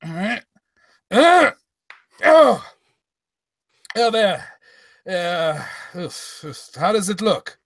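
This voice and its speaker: A man's voice: high-pitched, sing-song, drawn-out words, long pauses, fairly bright tone, no echo, clean studio sound, exaggerated voice. A man playing a fussy old doctor in a hammed-up radio play, stammering and rambling as he goes. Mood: flustered, fussy. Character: doddering, fussy old English doctor Watson reminiscing. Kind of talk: hammed-up old-time radio acting with comic ad-libs.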